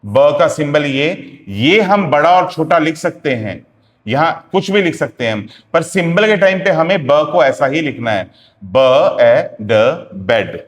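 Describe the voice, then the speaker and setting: A man gives a slow, deliberate phonetics lesson, sounding out each letter and repeating examples. His voice sits a little high and carries a long reverb around an echoey classroom. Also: expressive. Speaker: phonetics teacher. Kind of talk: classroom lecture.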